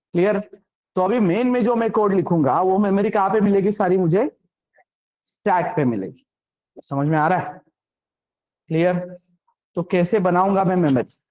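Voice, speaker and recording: A man's voice: sits high, darkish tone. A man giving a programming lecture, often stopping to ask if the class understands. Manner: keeps checking understanding with quick questions. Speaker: programming instructor.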